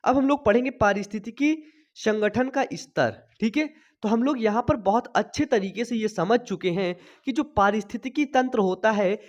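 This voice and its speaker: Still getting over a cough, a young man teaches biology online from his small home studio, talking slowly into a sensitive desk mic. His voice is high, and he's chatty, checking in with students all the time with "thik hai."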